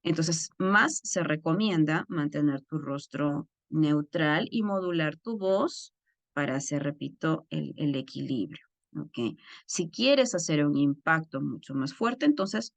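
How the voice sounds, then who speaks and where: A woman's voice: sits low, animated, takes it slowly, vocal fry, dry recording. A woman giving an online course lecture, explaining step by step and often checking in with her listeners. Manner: acts out example phrases in changed voices.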